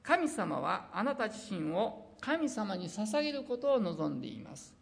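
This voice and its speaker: Middle-aged preacher from Osaka, Osaka accent, gravelly and animated, earnest sermon delivery. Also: medium pitch. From Osaka, Japan. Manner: earnest, reads scripture slowly, slips into dialect. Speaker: preacher and missionary. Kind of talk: sermon with personal testimony.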